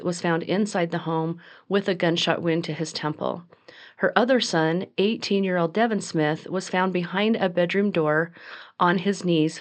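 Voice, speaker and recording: Podcast host, woman, lowish voice; scripted true crime narration, reads from notes and corrects herself now and then. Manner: reads from notes with small slips and restarts.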